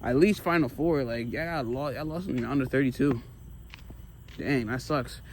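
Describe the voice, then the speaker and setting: An American man chatting casually about sports while walking, emphatic and animated, often repeating phrases for emphasis. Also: mid-range voice, normal speed. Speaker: sports vlogger. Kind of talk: casual rambling sports chat. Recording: clear street noise with passing vehicles.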